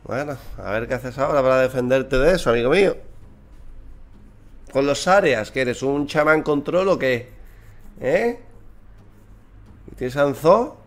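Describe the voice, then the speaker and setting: A man's voice: mid-range voice, animated, unhurried, pauses often. A tired young man from Spain with a Spanish accent, casually commenting on his card game, chatty, swearing and teasing his opponent. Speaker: streamer. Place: small room indoors.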